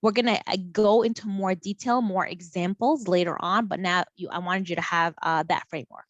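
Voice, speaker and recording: A woman professor lecturing a college class over a video call, chatty and lively, often repeating words. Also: medium pitch, fairly quick, no room sound, dull audio.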